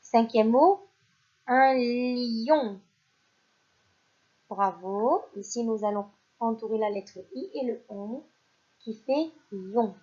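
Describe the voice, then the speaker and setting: A woman teacher leads young children through a phonics lesson, speaking slowly and clearly and praising them often. Her voice sits a little high. The recording is dull and lo-fi. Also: dark tone. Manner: slow, clear, encouraging teacher talk, praising unseen pupils. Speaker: primary school teacher.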